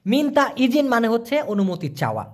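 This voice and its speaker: Lively man teaching vocabulary. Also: extremely high pitch. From Bangladesh. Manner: explains patiently, repeats words slowly syllable by syllable. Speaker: language teacher. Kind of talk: vocabulary lesson.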